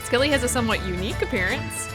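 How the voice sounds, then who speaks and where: A woman voicing a doting old grandmother in a video game, speaking with gentle, tearful tenderness. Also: a little high, animated, very fast, over music, lightly acted. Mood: tender.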